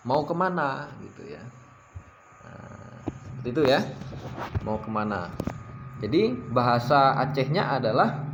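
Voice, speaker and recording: A man from South Sumatra in Indonesia talks through a casual language lesson at a slow, halting pace, leaning on fillers and repeating himself. His voice sits in an ordinary middle pitch and lifts sharply whenever he sounds out an example phrase. A faint hiss of room ambience stays under him. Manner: apologetic, pitches up sharply when saying example words. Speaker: language-learning vlogger. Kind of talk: casual teaching monologue.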